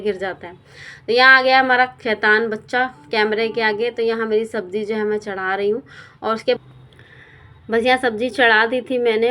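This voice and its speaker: A young woman vlogger and housewife chatting casually and quickly while narrating her home routine. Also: mid-range voice, fairly bright tone. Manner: chatty, fast-talking.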